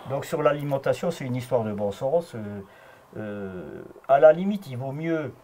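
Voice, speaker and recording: A man's voice: medium pitch, animated, moderate pace, dark tone. A man with a Lorraine accent, explaining home health remedies in a folksy, chuckling way during a casual chat. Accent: Lorraine French. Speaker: guest herbal health advisor.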